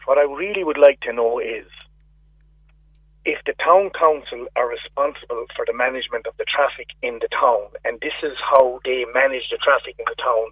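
Man, irish accent, phone-in caller, tinny phone line, husky voice, exasperated, repetitive. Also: mid-range voice, dry recording. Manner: exasperated ranting, repeats himself. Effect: heard over a phone line. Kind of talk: casual call-in complaint.

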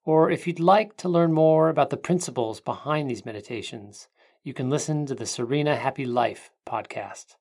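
A meditation guide speaking gently and unhurriedly, with long pauses between soothing instructions. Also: medium pitch. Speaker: meditation guide, podcast host.

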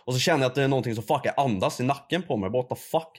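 Swearing young man telling a story. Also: medium pitch. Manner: animated storytelling, swearing, acting out a shouting clerk. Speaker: podcast co-host. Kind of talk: casual podcast chat.

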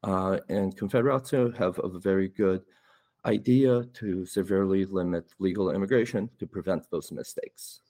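A man's voice: low-pitched, moderate pace, warm tone. A man from Poland, a first-time interview guest, talking casually and often ending points with "right?". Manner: tags statements with "right?".

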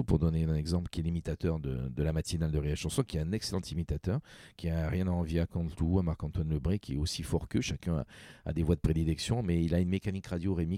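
A man's voice: low voice, dark tone, dry recording, studio quality. A man in casual podcast conversation, talking emphatically in long run-on stretches full of restarts. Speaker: radio humor station programmer.

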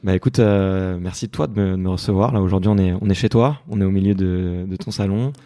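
A man's voice: sits low, fairly even intonation, a little fast, dark tone. A man hosting a podcast interview in a guest's living room, who asks circling, hesitant questions. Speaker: podcast host.

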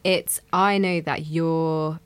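A young English woman with a distinctly low voice and a posh home counties accent. She chats casually as a panelist, recorded dry with very little room sound. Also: fairly even intonation, takes it slowly, clear, resonant tone, no room sound. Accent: posh southeast English, home counties. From England. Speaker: show panelist. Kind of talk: casual chat.

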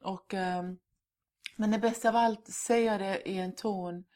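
A woman's voice: medium pitch, fairly even intonation, warm tone. A middle-aged woman answering interview questions in a candid, emphatic way, slipping in English words.

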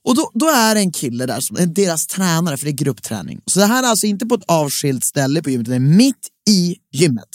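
A young man co-hosting a casual podcast chat, telling an animated rant of a story. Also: fairly high pitch, few pauses, no echo, studio quality. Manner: animated storytelling with rants and acted quotes. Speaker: podcast co-host. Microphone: studio microphone.

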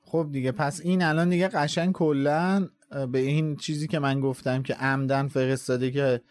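A man's voice: medium pitch, fairly even intonation, a little mellow, no echo. A man in a casual book chat, thinking aloud.

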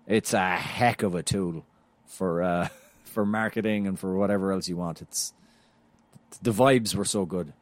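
A man co-hosting a soccer podcast tells stories in a casual, chatty way, with frequent fillers and restarts. He has a non-American English accent and a low-sitting voice, and he speaks a little slowly. There's no room sound.

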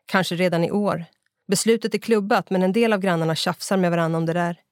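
A woman's voice: fairly low pitch, steady tone, no room sound, close to an everyday voice. Reader as a chatty middle-aged woman shopkeeper, polite, plain everyday voice, dry close sound. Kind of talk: audiobook character voice.

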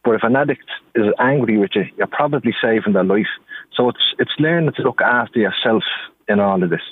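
A man from Ireland talking as a radio interview guest in an earnest, halting, conversational way. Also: mid-range voice, husky, no room sound. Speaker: interview guest, addiction recovery worker. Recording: tinny, narrow phone line.

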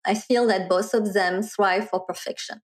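A woman's voice: medium pitch, steady tone, normal speed. Middle-aged french woman, french accent, articulate, guest on an interview, chatty and laughing a bit. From France. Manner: articulate, explanatory, laughs lightly while talking. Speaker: guest, marketing executive. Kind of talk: conversational interview.

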